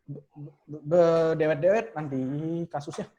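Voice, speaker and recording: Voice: medium pitch, unhurried, dark tone. A podcast co-host in casual chat, chiming in often with agreement and jokes. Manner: frequent agreeing interjections, joking. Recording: slightly dull lo-fi sound.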